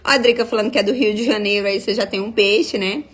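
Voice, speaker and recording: Husky-voiced woman explaining. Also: mid-range voice, quick pace. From Minas Gerais, Brazil. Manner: explanatory, checks in with frequent tag questions. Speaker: nutritionist. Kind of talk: live-stream talk reading viewer comments.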